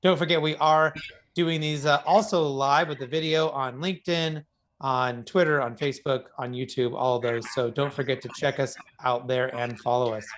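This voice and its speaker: A man hosting an interview show in casual conversation, feeling his way haltingly through his questions. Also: mid-range voice, fairly even intonation, a bit bright. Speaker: radio show host and interviewer.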